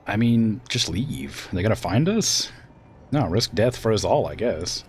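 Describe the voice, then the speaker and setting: A man's voice: fairly low pitch, sing-song, measured pace, slightly rough. A man giving casual, rambling gameplay commentary, thinking aloud as he plays. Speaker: game streamer.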